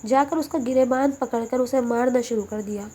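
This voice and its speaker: A woman narrating a scripted emotional story in steady, dramatic first person. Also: fairly high pitch, breathy edge.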